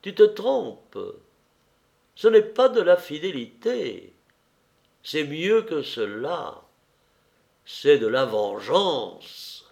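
Audiobook: man playing an icy, hateful young servant, slow and cold. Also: on the high side, a little mellow, voice pushed up. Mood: vengeful. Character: cold, vengeful young male eunuch servant.

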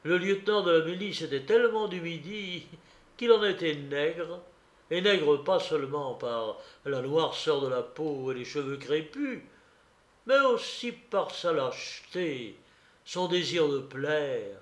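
A man reading a classic novel aloud, slow and deliberate, with an occasional hesitation. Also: a little high, expressive, a bit bright. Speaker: reader. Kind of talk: audiobook narration of a classic novel. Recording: roomy echo.

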